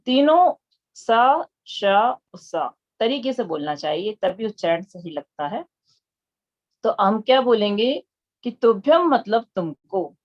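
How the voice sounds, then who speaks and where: A woman leads an online class on a sacred hymn, explaining each word patiently. She chants the verses slowly and clearly, then breaks them down. Her voice comes through slightly dull, as on a group call. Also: medium pitch. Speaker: teacher of a devotional verse class.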